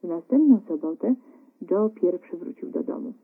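A woman calmly reading a story aloud as narrator, measured and even, on a narrow phone-like radio recording. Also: fairly low pitch, gravelly, husky.

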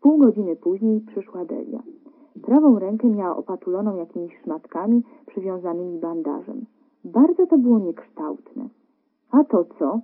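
A woman reading a literary story aloud as narrator, calm and measured. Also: medium pitch, slightly rough. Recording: narrow phone-like radio broadcast.

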